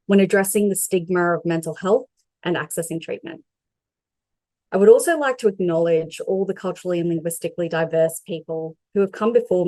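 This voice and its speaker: A young Sri Lankan woman with a low, darkish voice reads a prepared presentation steadily as a mental health advocate, joining over a video call. The audio is low quality, with no room sound.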